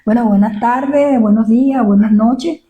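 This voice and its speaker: Older Venezuelan woman with a very mellow voice. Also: fairly high pitch, unhurried, muffled recording. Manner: humble, affirming amens. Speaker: pastor, interview guest. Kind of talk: church interview.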